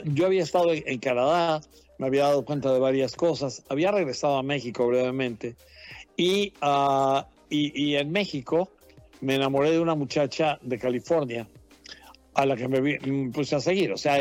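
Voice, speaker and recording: Man, 50s, born in Mexico, veteran journalist guest; rambling, chatty, laughs easily; faint music behind. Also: mid-range voice. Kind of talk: casual interview conversation. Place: Washington.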